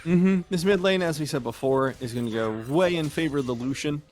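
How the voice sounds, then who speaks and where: A man giving chatty, joking color commentary on a high school esports match. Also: a little fast, a little mellow. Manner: chatty, joking, laughs often.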